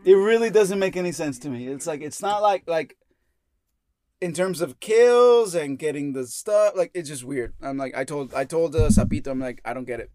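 A man's voice: a little high, lively intonation, normal speed, darkish tone, no room sound, clean studio sound. Rambling young man hosting a podcast. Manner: rambling, filler-heavy. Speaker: podcast co-host. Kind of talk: casual chat.

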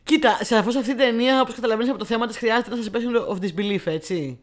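A woman co-hosting a podcast in casual chat, eager and quick to agree with repeated yeses. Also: a little high. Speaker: podcast co-host.

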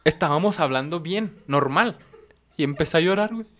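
Talking a little fast in a slightly high voice, a young Mexican Spanish-accented man spins a story on a laid-back podcast. He's animated and full of slang, laughing as he goes.

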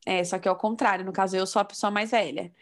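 A woman in her thirties from Brazil, talking calmly and reflectively in a casual conversation. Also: medium pitch, quick pace. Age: 30s. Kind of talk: casual chat.

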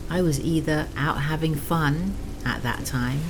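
Very low, slow, sultry woman's sleep narration. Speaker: host of a sleep story series. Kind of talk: slow sleep-story narration with guided breathing. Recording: clear rain noise behind the voice. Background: steady rain.

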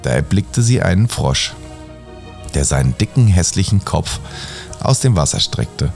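A man calmly reading a fairy tale aloud as a bedtime story. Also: deep voice, unhurried, gravelly, faint music behind. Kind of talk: storybook narration.

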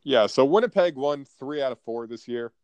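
A man's voice: mid-range voice, lively intonation, normal speed, a little mellow, dry recording. Blunt, profane North American frat-bro sports guy. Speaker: sports podcast co-host. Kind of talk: casual sports chat.

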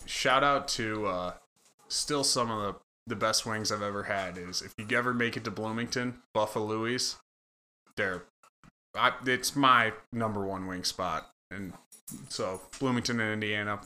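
A man's voice: fairly low pitch, normal speed, bright, forceful tone, a little hiss or hum. A man from Michigan, a football line coach, co-hosting a casual podcast and explaining his coaching rules in an earnest, instructive way.

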